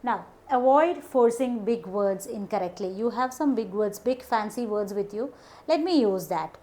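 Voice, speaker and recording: High-voiced woman tutoring in Malayali English. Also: warm tone. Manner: reads English points slowly, explains them fast in Malayalam; frequent "okay" to mark each point. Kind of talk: classroom-style lesson.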